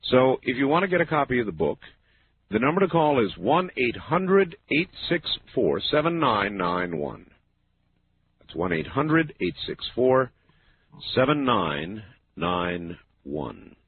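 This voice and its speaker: A man with a smooth radio host delivery, running a late-night call-in show and talking to his listeners. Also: medium pitch, big pitch swings, measured pace. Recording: tinny lo-fi radio broadcast with faint hiss.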